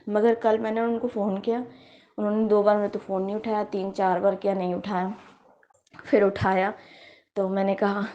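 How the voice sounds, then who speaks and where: Warm earnest woman sharing devotional testimony. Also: fairly high pitch, dull audio. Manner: earnest and heartfelt, repeats phrases for emphasis.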